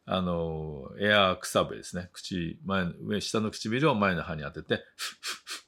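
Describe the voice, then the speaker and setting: A man teaching English vocabulary and pronunciation, saying each word slowly twice and chatting briskly in between. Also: low-pitched, creaky, pushed and bright. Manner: slow drawn-out model words, then quick chatty asides.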